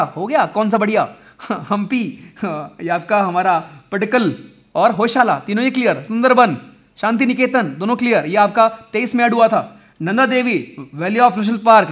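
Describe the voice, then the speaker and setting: A young man teaching exam-prep mnemonics in a chatty, energetic lesson, calling his viewers friends and brothers. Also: sits high.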